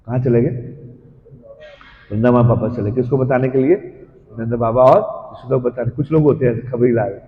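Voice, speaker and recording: Man giving a lively devotional talk in an echoey hall. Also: medium pitch. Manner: animated storytelling, acting out quoted voices; reads English commentary slowly. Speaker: preacher. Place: temple hall. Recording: dull, hall-like echo.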